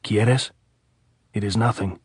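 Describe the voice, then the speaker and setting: A man voicing a rough, grieving guerrilla fighter who talks bluntly and swears. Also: fairly low pitch, fairly even intonation, slow pace, dry recording, clean studio sound.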